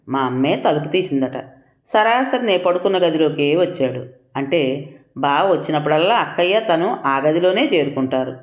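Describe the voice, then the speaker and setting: A woman telling a first-person audio story in a calm, reflective reading. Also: sits low. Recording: echoey room.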